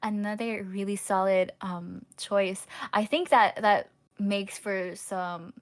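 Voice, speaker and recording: A woman's voice: medium pitch, steady tone, slow pace. A woman casting a live esports tournament, explaining strategy in detail with frequent fillers. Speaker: esports caster.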